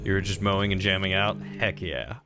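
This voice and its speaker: A man's voice: sits low, moderate pace. A young man casually chatting with viewers and reading their messages while streaming a video game. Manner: relaxed, chatty, reading chat aloud. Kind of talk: casual let's-play chat. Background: game music.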